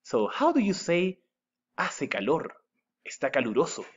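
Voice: mid-range voice, wildly swooping pitch, measured pace, breathy edge, lo-fi sound. An English teacher from Chile with a Chilean Spanish accent, patiently drilling words and switching between Spanish and English in a recorded lesson. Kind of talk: remote classroom lesson.

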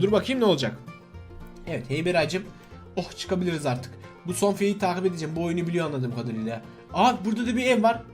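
Young man, high voice, rapid excitable game commentary, faint music behind. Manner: excitable, shouts in alarm, laughs, talks to viewers as gençler and arkadaşlar. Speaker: gaming YouTuber. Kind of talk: excited Roblox gameplay commentary.

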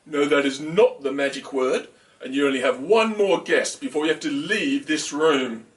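A man voicing a stern, wise male owl in a children's story, speaking slowly and in a lowered voice. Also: recorded from a distance, natural voice. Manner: slow, stately and lower-pitched.

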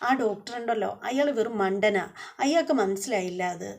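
Distraught man in denial, pleading and insistent, mellow tone, read by a woman narrator. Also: mid-range voice, expressive, a little fast. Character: distraught grown man in denial over a loved one.

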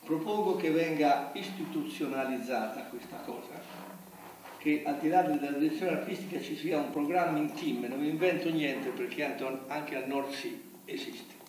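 A man's voice: a little high, moderate pace, darkish tone, distant mic. Older man, polemical, in roomy sound. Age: older, about 70s. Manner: polemical, blunt, indignant. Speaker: festival director at a press conference. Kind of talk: press conference speech, reading from notes and arguing. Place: hotel conference room. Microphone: table gooseneck microphone in a roomy hall. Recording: roomy hotel hall, off-mic, background noise.

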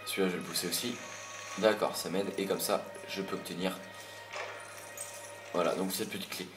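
A man's voice: deep voice, steady tone, normal speed. A young man giving casual, rambling commentary over a video game, slightly irritated and swearing now and then. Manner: rambling, chatty, mild swearing. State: a bit irritated. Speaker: gameplay commentator. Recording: roomy voice with game music behind.

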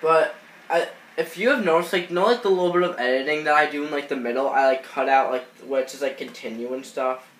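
A gaming channel host with a cold sniffles through casual commentary over baseball video game footage, rambling with plenty of fillers and restarts. His voice is on the high side, fast and a bit bright, recorded off-screen in an echoey room with faint noise.

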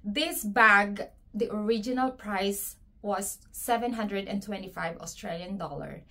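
A young adult woman vlogging an unboxing of gifts, gushing and excitable, repeating her delight over each item. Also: mid-range voice, unhurried. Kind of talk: casual unboxing vlog.

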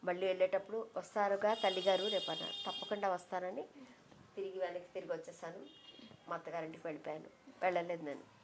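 A middle-aged woman as an interview guest, telling a personal memory with heartfelt emotion and softening her voice when she quotes others. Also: fairly low pitch, steady tone, fast talker, background noise. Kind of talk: reminiscing in an interview.

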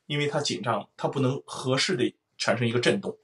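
A man's voice: mid-range voice, a little fast. A man teaching a singing lesson, explaining resonance and singing vowels aloud to show it. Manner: explains then sings vowels, loud sung demonstrations.

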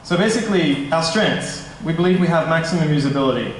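A man's voice: fairly high pitch, animated, brisk, a little hiss or hum. A young man giving a casual, slightly nervous conference presentation at a meetup, correcting himself as he goes. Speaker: tech startup presenter. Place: meetup hall, indoors, large room. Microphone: stand mic at a distance. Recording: echoey hall, mic at a distance.

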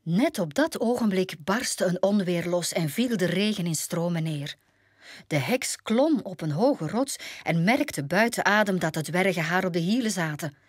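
A woman with a Flemish accent reading a fairy tale aloud to children, telling the story in an expressive, dramatic way. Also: lowish voice, normal speed, husky, no room sound, clean studio sound.

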